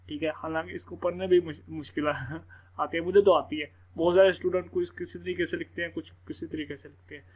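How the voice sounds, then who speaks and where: A man's voice: on the high side, fairly even intonation, brisk, narrow, tinny audio. A man teaching an English reading lesson in a loose, casual way, filling his talk with "theek hai". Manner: loose, repetitive, full of "theek hai" fillers. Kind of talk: casual screen-recorded lesson.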